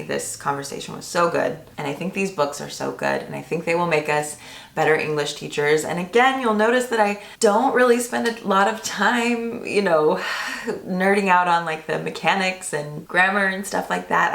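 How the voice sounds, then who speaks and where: A hoarse woman with a low, gravelly voice talks eagerly about books for fellow teachers. She chats freely with plenty of fillers, and the room around her rings with echo. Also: a bit bright. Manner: chatty, enthusiastic, many fillers. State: losing her voice. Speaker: teacher and channel host. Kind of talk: casual vlog about books.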